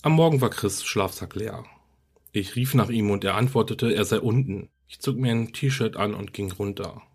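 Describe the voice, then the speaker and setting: Husky low-voiced man reading a horror story. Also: moderate pace, a little mellow. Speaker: podcast narrator.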